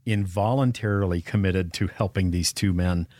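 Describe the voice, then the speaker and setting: A man hosting an interview, asking measured questions. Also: sits low, steady tone, darkish tone, no echo, clean studio sound. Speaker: interview host.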